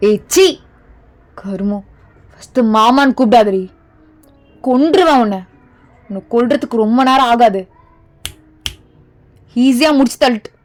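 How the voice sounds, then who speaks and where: A woman's voice: mid-range voice, unhurried, pauses often, a little mellow, lightly acted. Woman voicing a harsh ruthless young king. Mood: angry. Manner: threatening, scolding. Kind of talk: fan audio drama voicing.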